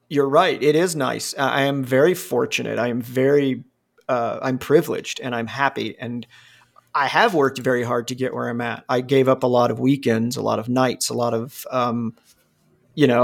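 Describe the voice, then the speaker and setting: A gravelly, medium-pitched man speaks at normal speed with a steady tone. In his forties, he rambles through casual conversation, restarting often, using lots of fillers, and swearing freely.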